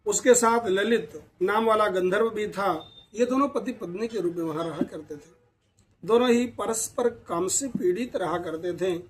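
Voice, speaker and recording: A male storyteller narrating a devotional tale in a reverent, measured way. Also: sits high, rough recording.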